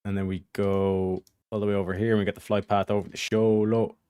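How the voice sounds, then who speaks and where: A man with a lowish, dark, clear and resonant voice speaks a little fast in a level tone, with no room sound. He's streaming a game, chatting casually with his viewers, joking and swearing a lot as he plays and talks to chat.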